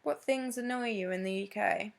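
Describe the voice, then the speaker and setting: A woman chatting casually on her vlog, answering questions with lots of ums and pauses. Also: medium pitch, vocal fry. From Britain. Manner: hesitant, many ums, laughs between answers. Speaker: vlogger.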